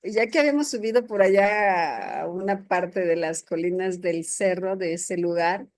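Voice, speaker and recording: A woman's voice: on the low side, moderate pace. A woman church leader giving an earnest, sermon-style testimony talk into a microphone at an indoor gathering, often tagging her sentences with questions.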